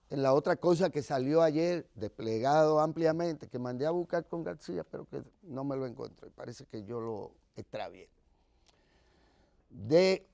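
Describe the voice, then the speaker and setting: Dominican guy w caribbean spanish accent doing news commentary, real creaky voice, dry sound, chatty and emphatic. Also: mid-range voice, darkish tone, no echo. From Dominican Republic. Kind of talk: news commentary, partly reading aloud.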